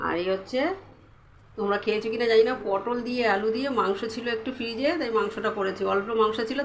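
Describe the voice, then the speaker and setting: A woman's voice: medium pitch, slight background noise. A woman vlogger chatting casually as she shows the dishes she has cooked, constantly telling viewers to look. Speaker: lifestyle vlogger. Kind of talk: casual cooking vlog chat.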